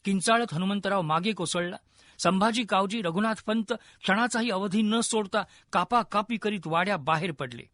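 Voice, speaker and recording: A male storyteller with a high, bright voice tells a historical tale vividly and expressively. The recording is dry and close, with no room sound. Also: moderate pace, no echo. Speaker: narrator. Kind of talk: dramatic storytelling narration.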